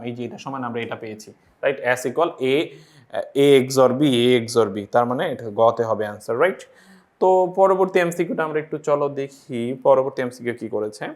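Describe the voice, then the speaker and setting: A man with a Bangladeshi Bengali accent, a teacher solving exam questions step by step who keeps asking "right?" as he explains. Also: fairly high pitch. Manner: explains patiently, often asks the viewer "right?".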